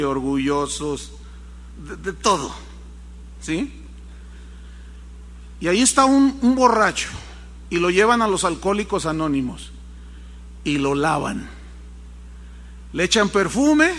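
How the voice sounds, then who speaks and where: A man preaching a sermon, telling a story with animated acted-out voices. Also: sits high, long reverb tail. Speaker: pastor.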